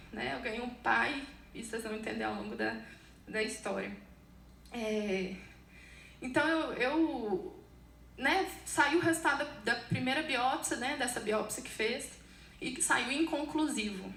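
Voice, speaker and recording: A Brazilian woman gives a personal testimony in church, earnest and halting, restarting her sentences as she goes. Her fairly high voice has a gravelly fry, heard from a distance in a roomy hall with faint background noise. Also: a bit bright. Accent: Brazilian Portuguese. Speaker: church member giving testimony.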